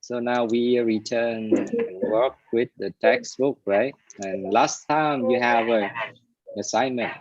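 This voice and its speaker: A man's voice: medium pitch, fairly even intonation, slow pace, no room sound. A man teaching an English class online, drilling words and often checking with "right?". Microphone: computer microphone on a video call. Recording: dull lo-fi online call audio.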